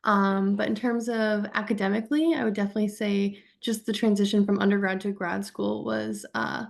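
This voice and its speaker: Gravelly-voiced young woman. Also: mid-range voice, darkish tone. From Connecticut, USA. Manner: casual, hesitant with "um" fillers. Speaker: optometry student panelist.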